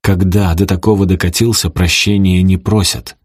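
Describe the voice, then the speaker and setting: An enraged young soldier barks threats and demands, voiced by a male narrator. The voice is low and husky, with a flat, dry close-miked sound. It has the manner of an audiobook character. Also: moderate pace, no room sound. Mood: furious.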